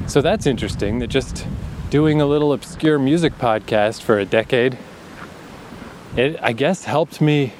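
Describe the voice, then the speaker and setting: This podcast host is a man in his thirties whose medium-pitched voice has a darkish tone and a slight Atlantic Canadian accent. Out in a breezy urban area, he delivers a candid, rambling monologue, laughing often and swearing freely, over a faint hiss or hum.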